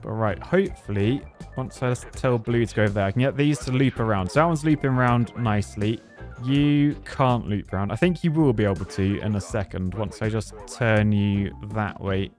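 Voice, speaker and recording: This British man's voice is fairly low and darkish, delivered at normal speed with soft music underneath. Hosting a gameplay video, he keeps up a casual, joking stream of chat and thinking aloud while playing.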